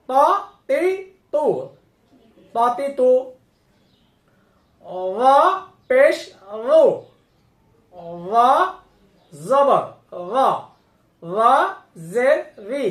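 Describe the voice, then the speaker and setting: A woman teaching Quran reading through a slow syllable-by-syllable spelling drill. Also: high-pitched. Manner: slow, drawn-out, instructive recitation. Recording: echoey room.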